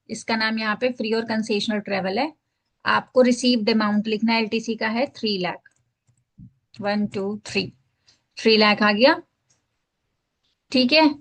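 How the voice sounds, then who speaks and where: A woman teacher walking students through a tax filing form step by step, mixing English phrases into Hindi and checking in often. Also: on the high side. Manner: explains step by step, repeats "ठीक है" to check in. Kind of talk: screen-share tax filing lesson.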